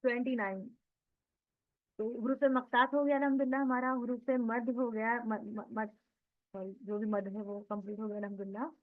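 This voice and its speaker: A woman teaching a tajweed lesson, explaining step by step and reciting Arabic example words slowly. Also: a little high, level tone. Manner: explains step by step, often checks with "theek hai". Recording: tinny phone-line sound.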